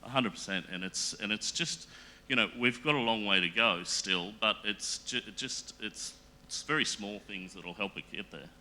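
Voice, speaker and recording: A man speaking on a panel in a casual, earnest way, halting often with fillers and restarts. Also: on the low side, bright, forceful tone. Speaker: panel guest.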